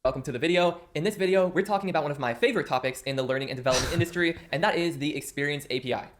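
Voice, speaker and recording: A man's voice: a little high, racing. A man in an old clip of his own, played back sped up so he sounds like a chipmunk, giving a stiff, rehearsed video intro. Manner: awkward, rehearsed delivery. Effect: sped-up playback, chipmunk-like voice. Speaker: e-learning video creator. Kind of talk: stiff talking-to-camera intro.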